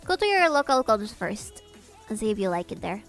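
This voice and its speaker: A woman streamer chatting casually with her viewers in an animated, giggly way, her voice swooping upward when excited. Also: mid-range voice, moderate pace, faint music behind. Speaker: VTuber streamer. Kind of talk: casual livestream chat, answering viewers.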